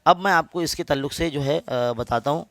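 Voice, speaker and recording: A man's voice: on the high side, a little fast, a bit bright, no echo. A man with an Urdu accent, a maths teacher patiently explaining geometry step by step to students, repeating each point.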